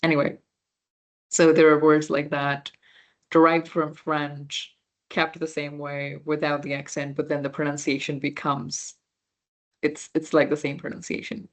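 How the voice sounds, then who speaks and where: Slow-talking young woman teaching beginner French. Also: low-pitched, monotone. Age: young adult. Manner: slow, explanatory, frequent fillers and restarts. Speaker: volunteer French workshop instructor. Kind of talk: slide-based beginner language lesson.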